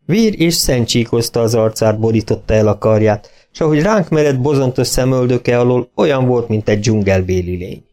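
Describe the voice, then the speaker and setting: Male audiobook narrator, steady and measured, mid-pitched. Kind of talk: scripted narration.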